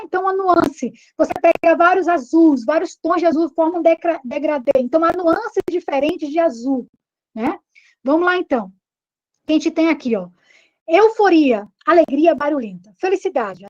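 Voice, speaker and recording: A woman's voice: sits high, darkish tone, lo-fi sound. A woman with a Brazilian Portuguese accent teaching an online exam-prep lecture, explaining step by step and checking in with tag questions.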